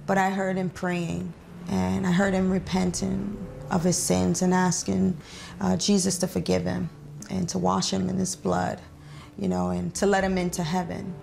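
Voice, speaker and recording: A woman telling her life story in an interview, speaking haltingly with many fillers and pauses. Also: fairly low pitch, flat delivery, creaky, noisy background. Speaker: interviewee sharing her testimony. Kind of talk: reflective testimony interview. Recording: soft music underneath.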